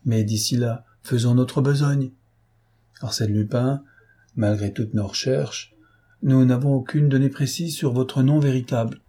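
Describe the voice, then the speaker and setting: A man reading the part of a fussy, self-important investigating judge in an audiobook, with a husky voice and insistent, exasperated questions. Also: mid-range voice, fairly even intonation, a little slow, warm tone.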